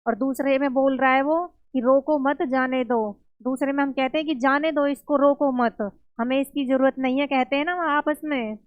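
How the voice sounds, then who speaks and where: A woman teaching an exam-prep grammar lesson, explaining slowly step by step and asking and answering her own questions. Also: sits high, fairly even intonation, phone-quality sound.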